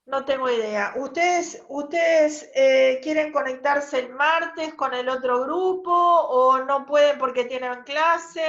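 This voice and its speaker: A woman's voice: high-pitched, a bit bright, highs cut off. A woman teacher, explaining a grammar rule step by step in an online class and checking in with her students. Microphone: video call.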